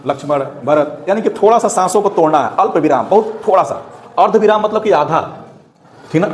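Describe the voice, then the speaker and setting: A man's voice: high-pitched, slight background noise. Echoey male Hindi grammar teacher. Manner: explanatory, repeatedly checks understanding with "ठीक ना". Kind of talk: explaining lesson to students.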